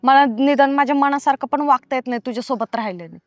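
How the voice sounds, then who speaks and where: An actress playing a married lover who is fed up and ends the affair with curt, dismissive replies. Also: female voice, high voice, fast, dry recording, close to an everyday voice. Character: fed-up married mistress, sharp-tongued. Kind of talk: comedy film acting.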